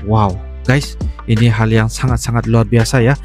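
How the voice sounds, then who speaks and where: A man's voice: lowish voice, fairly even intonation, moderate pace, a little mellow. A man giving wordy, repetitive, casual reaction commentary as a video host. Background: music.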